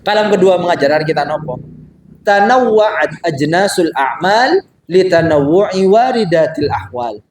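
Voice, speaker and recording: A man with a Javanese accent preaching in a study hall, moving between chanted Arabic lines and lively storytelling. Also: sits high, unhurried. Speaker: religious teacher. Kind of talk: sermon. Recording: echoey room, faint ambient noise.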